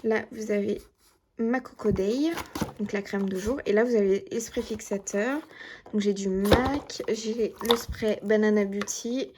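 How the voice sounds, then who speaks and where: Filmed close on a camera or phone, a woman vlogs from her dressing table at home, chatting through her beauty things with lots of fillers and "voilà". She has a mid-range, steady voice and a measured pace, with a noisy background.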